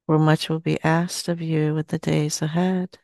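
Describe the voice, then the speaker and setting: A woman in her sixties trance channeling as a seance medium, speaking solemnly and slowly with long pauses. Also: low-pitched, level tone, gravelly, darkish tone, no echo, clean studio sound. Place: small dim indoor room. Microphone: headset.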